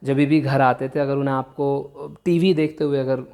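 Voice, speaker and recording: Man teaching words slowly. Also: medium pitch, level tone, gravelly, darkish tone, smooth. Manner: explains slowly, repeats words carefully, switches between Hindi and English. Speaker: English teacher. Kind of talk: bilingual vocabulary lesson.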